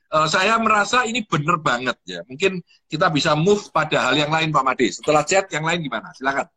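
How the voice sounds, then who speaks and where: A man hosting an online live chat about workplace communication, explaining with relaxed anecdotes and acted-out little dialogues. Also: fairly high pitch, fairly quick. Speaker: host. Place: online video call.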